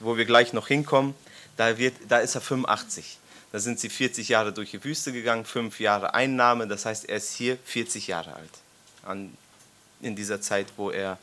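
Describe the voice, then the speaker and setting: A man's voice: mid-range voice, sharp tone. A man in his thirties preaching to his congregation, reading scripture aloud and joking with listeners through questions. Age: 30s. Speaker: preacher leading a Bible study. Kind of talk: informal sermon with scripture reading. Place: church congregation gathering.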